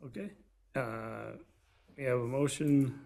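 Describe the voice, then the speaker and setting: A man with a measured, gravelly delivery, speaking formally as the chair of a commission meeting. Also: mid-range voice, a little mellow. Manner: measured, procedural. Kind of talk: formal procedural meeting talk. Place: public meeting room.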